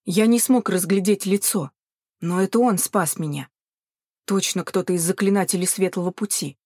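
An earnest young guard full of excitement, as a woman puts him on for an audiobook. He talks loudly, in quick exclamations and urgent pleas, in a dry, close voice. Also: lowish voice, no echo, lightly acted. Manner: loud, exclaiming and pleading.

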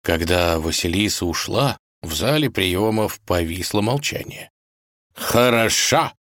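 Man, low voice, lively intonation, expressive storybook narration, dry close sound. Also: measured pace, no echo. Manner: expressive reading aloud.

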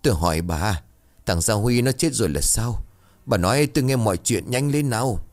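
Man doing a stern old head of the house, ailing, commanding, low voice, lively pitch. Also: normal speed, lightly acted. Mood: angry.

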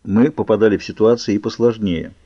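A man voicing a cold, angry young male vampire in an audiobook, talking low and clipped. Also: fairly even intonation, a little fast, warm tone, no echo, lightly acted. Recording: muffled lo-fi recording.

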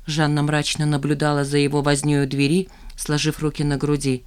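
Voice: medium pitch, completely flat delivery, fairly quick, clear, resonant tone. Audiobook narrator telling a story. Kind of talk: scripted narration.

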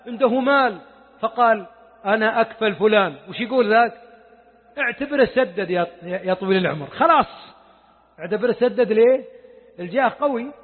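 A man preaching a sermon with emotion, moving from hushed lines to loud exclamations. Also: high-pitched, slightly rough. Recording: echoey hall over a tinny lo-fi recording.

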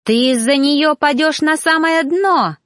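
A hysterical young noblewoman, put on by a woman reader, shrieking her jealousy in a high, piercing voice. Her lines climb into squeals. The recording is close and dry. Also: a little slow, a bit bright, no room sound.

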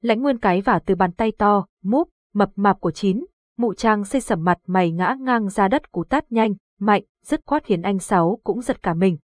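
A woman narrating a ghost story as an audiobook reader, telling it in a steady, even way. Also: mid-range voice, moderate pace, dry recording.

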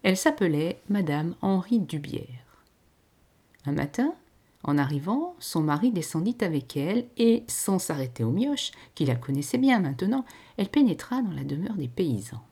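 Woman narrator, husky, lively intonation, literary reading. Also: lowish voice, normal speed. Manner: expressive, varied storytelling.

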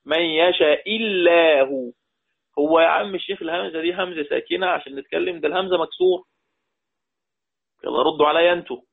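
Egyptian sheikh teaching recitation, tinny sound. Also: male voice, fairly high pitch, steady tone, creaky, breathy edge. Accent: Egyptian Arabic. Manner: slow chanted verse quotes mixed with quick colloquial explanation, quizzing students. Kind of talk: classroom lesson on recitation rules. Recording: tinny phone-like audio.

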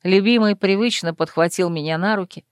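A woman's voice: medium pitch, a little fast, smooth, dry recording. Woman narrating a romance audiobook, dry.

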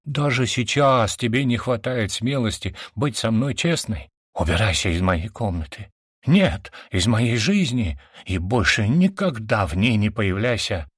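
A man's voice: fairly low pitch, big pitch swings, measured pace, breathy edge, no room sound, clean studio sound, exaggerated voice. A man doing a drunk, raging brother. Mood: furious. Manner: shouting, sneering accusations. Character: drunk furious young man, bitter betrayed brother.

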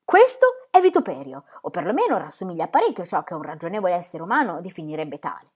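A man's voice: high voice, very animated, fast talker, a little mellow, husky, exaggerated voice. Cold stiff pastor husband talking down, voice swinging up and down a lot, read out by a woman. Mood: icily pedantic. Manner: coldly formal, condescending. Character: cold, pedantic middle-aged male pastor husband.

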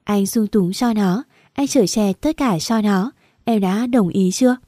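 A tearful young husband, as a woman narrator reads him, pleading softly at his wife's hospital bed. The voice is mellow and dark, close and dry with no room sound. It is a storybook reading of a desperate, loving man. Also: medium pitch, a little slow, no echo, lightly acted.

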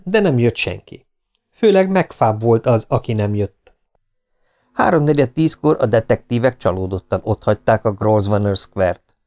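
Lively male audiobook narrator. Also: fairly low pitch, no echo, clean studio sound. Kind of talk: audiobook reading.

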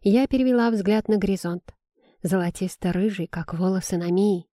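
A woman narrating a first-person fantasy audiobook in an even storytelling manner. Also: mid-range voice, normal speed, no room sound, studio quality.

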